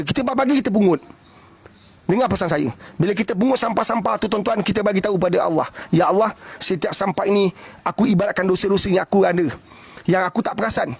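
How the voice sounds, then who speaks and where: Brief: Malaysian preacher, male, very high husky voice, dry close sound, keeps firing rhetorical questions. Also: dry recording. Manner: animated, repeats rhetorical questions like "understand or understand?"; folksy, blunt, joking asides. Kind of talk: casual preaching talk.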